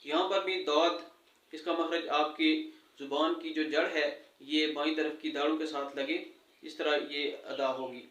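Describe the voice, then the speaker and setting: A man giving a lesson on correct Quran recitation, explaining sounds and chanting verses slowly. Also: fairly high pitch, steady tone, a bit bright, roomy sound, recorded from a distance, low-quality recording. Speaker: religious teacher. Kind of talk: tajweed lesson with slow recitation.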